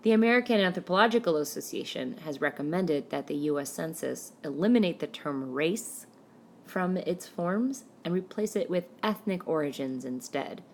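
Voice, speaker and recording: A woman with a low voice delivers a lecture in a measured way, listing her points one after another. A faint hum of background noise sits under her voice. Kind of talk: recorded lecture narration.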